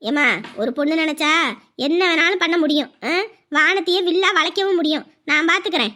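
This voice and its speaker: An actress playing a stubborn young wife who answers in short, firm, low replies in a family drama. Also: female voice, brisk, pushed and bright. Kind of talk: village family drama acting.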